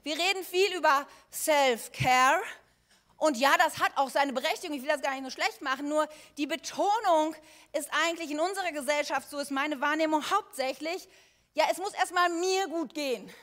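A woman preacher giving a sermon, talking to her listeners directly and conversationally, moving between emphatic and quiet passages. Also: sits high, moderate pace. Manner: conversational, addressing listeners directly with everyday examples.

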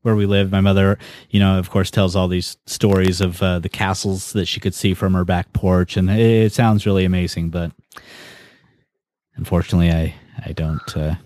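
A man hosting a podcast in relaxed, casual conversation, leading the talk. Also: sits low, normal speed, no echo, clean studio sound. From United States. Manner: easygoing, leads the conversation. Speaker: podcast host.

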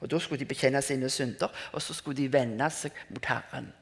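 An older woman giving a reflective, conversational sermon, often pausing to restart her thoughts. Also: extremely low pitch, vocal fry. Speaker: preacher. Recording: reverberant hall.

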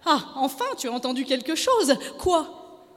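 A woman voicing an indignant wife who shrieks in outrage, high-pitched and exclamatory. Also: big pitch swings, unhurried, a bit bright, in a large hall, heavily acted. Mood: alarmed.

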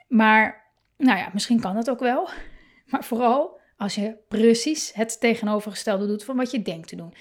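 A woman's voice: medium pitch, a little mellow. A woman hosting a parenting podcast, talking casually and thinking aloud with many fillers and restarts. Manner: laughs often and acts out parent and child lines. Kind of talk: casual solo podcast talk.

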